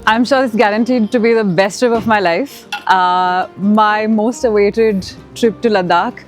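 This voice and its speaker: Casting: female participant, mid-range pitch, casual testimonial, music in the background. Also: fairly even intonation, measured pace. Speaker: trip participant.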